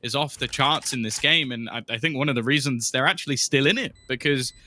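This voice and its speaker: Male esports analyst caster, medium pitch, explanatory live commentary, noisy gameplay sound behind. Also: brisk, pushed and bright. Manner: conversational, explanatory. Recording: clearly noisy, game gunfire and clicks.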